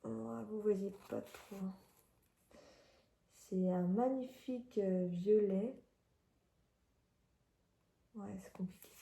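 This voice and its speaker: Her medium-pitched voice is warm and slow, with long pauses, as this knitting vlogger from France talks casually about her knitting. She hesitates and uses many fillers, speaking at home indoors near a window shutter in a reverberant space.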